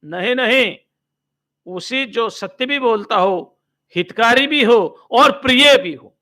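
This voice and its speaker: A swami giving a slow, measured religious discourse, chanting Sanskrit verses and explaining each one. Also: male voice, extremely high pitch, lively intonation, bright, forceful tone.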